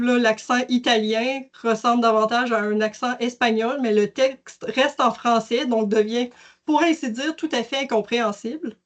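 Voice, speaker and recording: Chatty Québécoise woman demoing software. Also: a little high. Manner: casual, explanatory, many fillers and restarts. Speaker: educational services presenter. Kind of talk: webinar software demonstration.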